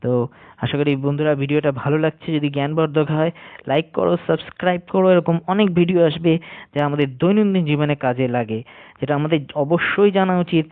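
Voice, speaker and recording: A man teaching English pronunciation, spelling words out letter by letter and repeating each rule slowly and deliberately. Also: on the high side, dry recording. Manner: slow, deliberate, repeats rules for emphasis. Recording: dry, tinny phone-like sound.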